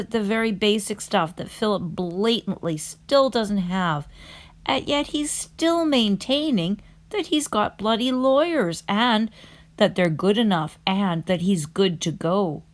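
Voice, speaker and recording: A woman delivers critical commentary in a blunt, indignant tone, calling out what she sees as dishonesty. Her voice sits at an ordinary middle pitch. The sound is dry and close, with no room echo. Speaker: channel host.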